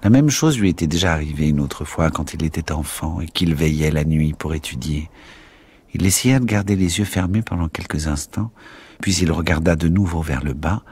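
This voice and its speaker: A man reading a novel aloud as narrator, measured and dramatic. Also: extremely low pitch, darkish tone, breathy edge. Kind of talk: audiobook narration.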